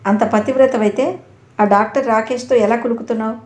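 A woman's voice: on the high side, fairly even intonation, a little fast, a little mellow, lightly acted. A woman voicing a pushy, predatory young man who pleads and sneers, in an audio novel. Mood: sneering. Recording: echoey room.

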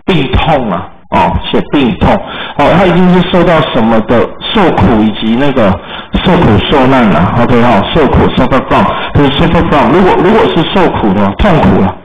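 A man's voice: medium pitch, very animated, normal speed, hardly any pauses. A man with a Taiwanese Mandarin accent teaches English vocabulary to a class, spelling each word letter by letter. His voice fills a roomy classroom. The recording is muffled and carries a faint hiss. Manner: spells words letter by letter, explains in Chinese. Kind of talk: classroom lesson.

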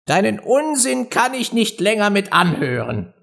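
A man's voice: on the high side, sing-song, normal speed, pitched above the performer's own voice. A man voicing a touchy, stern mouse in an audiobook, strict and offended.

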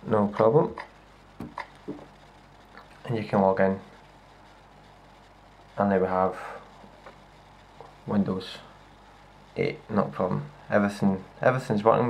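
Filmed on a handheld camera pointed at a laptop screen, a Scottish tech reviewer sits at a wooden table indoors for a casual demo. His voice is low, flat and gravelly, and his relaxed delivery keeps stopping for fillers and restarts. The audio is poor, with a little hiss or hum.

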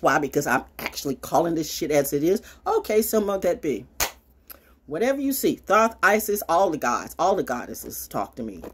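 An older woman vlogger sits low and rants casually to her phone held at arm's length, reading from cards in a small wood-panelled room. Her husky voice is brash, theatrical, and confrontational.

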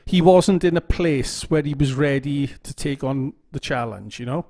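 Talking to camera in a casual instructional style, this YouTube OCD educator has a mid-range, slightly mellow voice and a moderate pace. He repeats phrases a lot and keeps checking in by asking "okay?".

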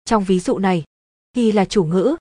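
Woman teacher, mellow tone, dry close sound, measured scripted delivery. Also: mid-range voice, dry recording. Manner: even, measured explaining. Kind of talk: scripted grammar lesson narration.

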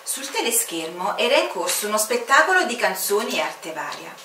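A woman's voice: medium pitch, very animated, moderate pace, pushed and bright, echoey room, distant mic, slight background noise. A woman storyteller host reading a fairy tale aloud to children, speaking to the child directly in a coaxing way.

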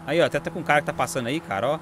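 A young Brazilian man with a Brazilian Portuguese accent, chatting excitedly and slangily while playing a racing game. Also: on the high side, very fast. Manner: excitable, chatty, slangy, calls himself to calm down. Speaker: gaming YouTuber. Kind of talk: excited gameplay commentary. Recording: game audio noise behind.

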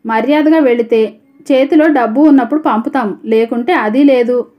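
A woman voicing a haughty, quarrelsome middle-aged mother with loud, scornful retorts. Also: fairly high pitch, normal speed, lightly acted. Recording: dull lo-fi audio.

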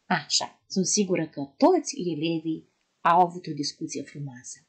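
A woman primary school teacher giving an online lesson to young children, asking them questions in a gentle, sing-song way. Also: low voice, breathy edge.

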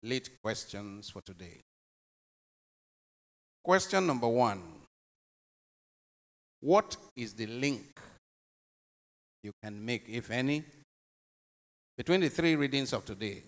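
A priest reads the Gospel and asks homily questions, his mid-range, expressive voice moving slowly and solemnly. His phrases rise and fall, wrapped in a long echo like a cathedral's.

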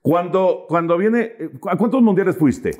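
A man's voice: high-pitched, animated, a little slow, darkish tone. A man hosting an interview, reacting with short exclamations. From Mexico. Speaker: host, interviewer.

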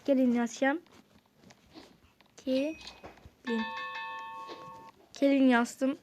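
A woman hosting a gaming channel, giving excited let's-play commentary, talking straight to viewers and shouting at rival players. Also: high-pitched, extremely slow, over music. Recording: noisy home recording.

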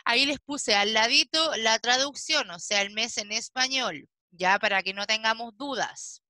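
A woman teaching an English class over a video call. She talks patiently, checks in with the children often, and slows right down to model each English word. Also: on the high side, bright, forceful tone, no room sound. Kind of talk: online class instruction.

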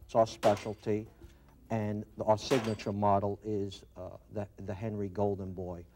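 A man's voice: lowish voice, level tone, normal speed, noisy background. A middle-aged man with a Brooklyn accent talking conversationally as a company owner in a studio interview. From Brooklyn, New York. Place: TV studio set, indoors. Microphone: lapel mic.

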